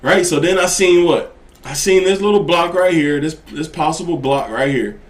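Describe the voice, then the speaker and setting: A man gives blunt, slangy talk about trading, full of swearing and "you get what I'm saying." His voice sits fairly high. The room around him is echoey. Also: normal speed. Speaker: trading educator. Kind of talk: casual profane trading talk.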